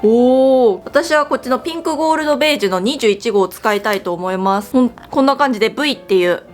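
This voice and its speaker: A woman from Japan chatting casually as a beauty vlogger while she does her makeup, telling stories in an animated way. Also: on the high side, quick pace, faint music behind.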